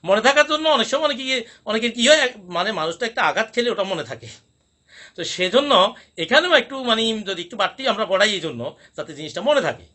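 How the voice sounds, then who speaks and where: High, lively-voiced male recitation teacher. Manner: drills sounds slowly with repetition, coaxing. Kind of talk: recorded lesson teaching pronunciation.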